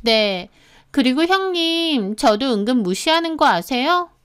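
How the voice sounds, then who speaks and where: A woman voicing a fawning, two-faced young sister-in-law in a radio drama, speaking softly in a wheedling, sugary way. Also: sits high, expressive, unhurried, smooth. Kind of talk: Korean story radio drama.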